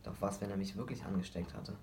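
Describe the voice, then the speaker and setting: A man's voice: fairly low pitch, fairly even intonation, quick pace, gravelly, warm tone, a little hiss or hum. A man voicing an anxious teenage boy who gets agitated and defensive. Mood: nervous.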